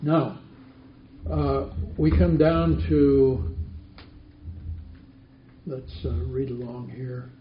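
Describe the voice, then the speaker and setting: A man's voice: mid-range voice, steady tone, drawn-out words, long pauses, a little hiss or hum. A man teaching a Bible study class, asking the group questions and repeating their answers back. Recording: roomy, dull lo-fi recording.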